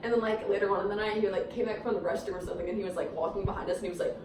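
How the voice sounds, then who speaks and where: A young woman co-hosting a casual chat, giggling as she acts out the people in her stories. Her voice sounds distant and echoey, with clear noise in the room. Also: mid-range voice, fairly even intonation, racing. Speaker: co-host. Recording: echoey room, far from the mic, noisy.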